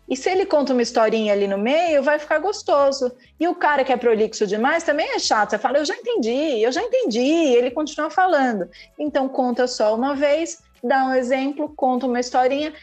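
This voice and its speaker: Brief: woman, higher voice, emphatic advice-giver, podcast chat, faint music under. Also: a little fast. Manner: emphatic, advice-giving, rises sharply for emphasis. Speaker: communication speaker. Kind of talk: podcast conversation.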